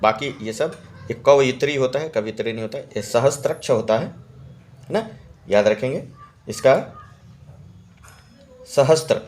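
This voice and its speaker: A man's voice: mid-range voice, expressive, a little slow, pauses often, a little mellow. Man patiently explaining test answers. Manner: repeats key words and checks with "है ना". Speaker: Hindi exam-prep teacher.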